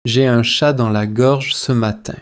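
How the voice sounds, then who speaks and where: Reading language drills for learners to shadow, a man acting as teacher proceeds phrase by phrase, measured and repetitive. His voice is mid-range with fairly even intonation.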